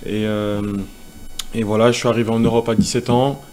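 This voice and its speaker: Relaxed young man answering in an interview. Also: fairly low pitch, brisk, slight background noise. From Senegal. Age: 20s. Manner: relaxed, casual, many fillers. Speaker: tennis player guest.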